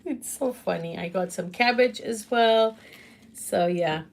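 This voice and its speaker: A middle-aged Portuguese woman with a Portuguese accent, chatting loudly to her livestream viewers from her home kitchen, laughing often. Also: medium pitch, unhurried, creaky. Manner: loud, laughs often, exclaims. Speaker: livestream host. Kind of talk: casual livestream chat answering comments.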